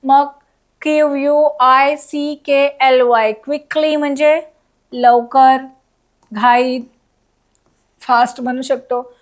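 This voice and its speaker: A woman's voice: high voice, fairly even intonation, slow, pauses often. A woman teaching a recorded school lesson, spelling words out letter by letter and asking children questions.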